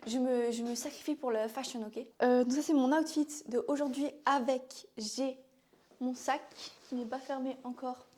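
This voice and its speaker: A woman's voice: high voice, steady tone, normal speed, dark tone. Chatty young woman vlogging, with a regional French accent. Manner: chatty, rambling with fillers. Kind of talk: casual vlog chat.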